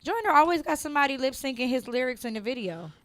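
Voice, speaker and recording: A woman's voice: high-pitched, expressive, quick pace, fairly bright tone, no echo. Playful woman in casual chat. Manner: playful, mock news-reporter delivery. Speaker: co-host.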